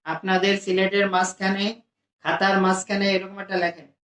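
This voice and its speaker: A man teaching adults to read the Quran, drawing out each letter slowly for his students to repeat. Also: high-pitched, flat delivery, fairly bright tone, echoey room, rough recording. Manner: slow, drawn-out letter drills for students to repeat. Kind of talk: adult Quran reading lesson.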